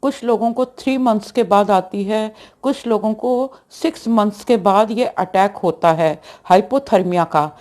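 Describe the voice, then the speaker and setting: A woman homeopathic doctor gives a health lesson, explaining deliberately and mixing in English medical terms. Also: mid-range voice, darkish tone.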